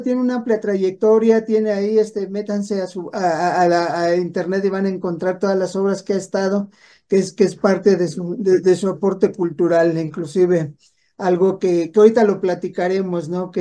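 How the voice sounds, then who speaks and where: A man's voice: high voice, mellow. A man hosting a radio show, chatting casually and rambling with many restarts. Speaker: radio host.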